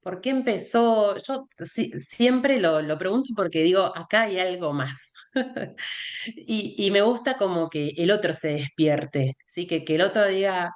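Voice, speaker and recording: A woman's voice: medium pitch, a little slow. A middle-aged woman with an Argentine accent, a guest in a casual conversation, telling an anecdote and acting out the dialogue in it. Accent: Argentine Spanish. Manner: animated anecdote-telling, acts out quoted dialogue. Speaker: guest, functional biochemist.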